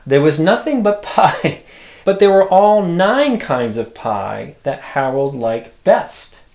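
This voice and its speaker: A man's voice: fairly high pitch, sing-song, slow pace, a little mellow, reverberant. A middle-aged man reading picture books aloud as a storyteller, adding asides full of childlike wonder. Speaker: storyteller, host.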